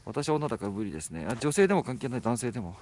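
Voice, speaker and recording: A man chats on a live stream from a dark rural spot, his pitch bouncing up and down in a lively, playful way. He teases his viewers and jokes as he reads their comments aloud. A faint hush of outdoor night ambience sits behind his voice. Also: rapid-fire, a little hiss or hum. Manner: playful, teasing, chatty. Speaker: livestreamer.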